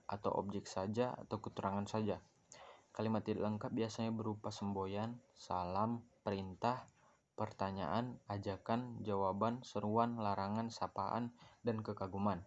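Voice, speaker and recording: A young man presents a class lesson, reading steadily from his notes and correcting the odd stumble. His voice sits low and barely moves in pitch. The recording is dull and lo-fi. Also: a little mellow. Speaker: student presenting a class assignment. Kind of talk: read-aloud lesson on grammar.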